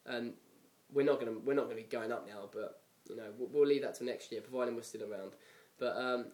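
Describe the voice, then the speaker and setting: A man's voice: medium pitch, quick pace, darkish tone, reverberant, distant mic. A chatty man from England hosting a casual football podcast, predicting match results and laughing often. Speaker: podcast host.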